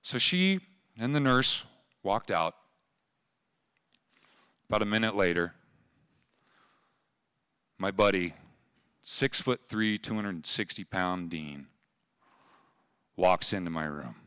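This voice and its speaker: A man from Oregon telling an emotional personal story to a live audience, slow and emphatic. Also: sits low, lively intonation, bright, forceful tone, clean tone.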